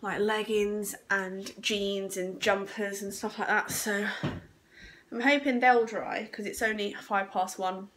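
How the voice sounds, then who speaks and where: Speaking slowly in a mid-range, steady, fairly bright voice, a young vlogger mom with a sore throat and blocked nose rambles casually to her phone camera at arm's length, full of ums. The noisy recording moves through her small house, from sofa to kitchen to garden.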